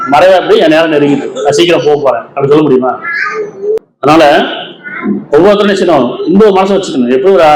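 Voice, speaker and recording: A man preaching at a brisk clip, his voice pitched a little high. He keeps putting rhetorical questions to his listeners. The recording has a roomy echo. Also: a little hiss or hum. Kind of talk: Islamic sermon in Tamil. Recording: echoey room with faint ambience.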